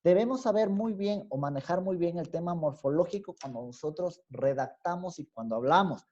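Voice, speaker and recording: Man with an Ecuadorian highland accent teaching online. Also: moderate pace, dark tone. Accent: Ecuadorian highland Spanish. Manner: explanatory, often checks in with a rising "¿sí?". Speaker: university teacher. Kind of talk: online class lecture. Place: home room on a video call. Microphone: computer mic on a video call. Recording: dull, lo-fi video-call audio.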